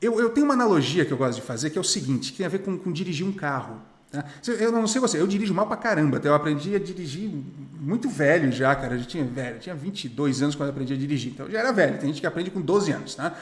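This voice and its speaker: A man's voice: fairly high pitch, expressive, very fast. A young Brazilian man teaching English casually to camera, chatty and repetitive, often checking in with the viewer. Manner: chatty, repeats himself, asks "tá?" often. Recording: roomy echo.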